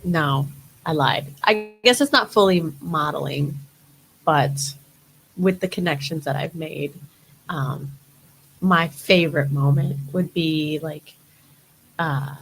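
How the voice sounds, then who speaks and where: A woman's voice: deep voice, slow, creaky, pauses often, a little hiss or hum, poor audio. A young woman, a model, chatting casually as an interview guest, rambling with many fillers.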